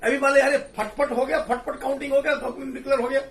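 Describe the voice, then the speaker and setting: A man talking in a casual political discussion, animated and laughing, mixing in English phrases. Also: extremely high pitch, very fast. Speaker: discussion panelist. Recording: echoey room, distant mic.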